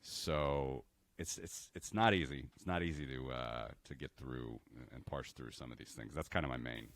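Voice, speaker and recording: Very deep-voiced American man, rambling. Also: moderate pace, dry recording. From United States. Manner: rambling, with many fillers and restarts. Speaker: podcast co-host. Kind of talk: casual chat.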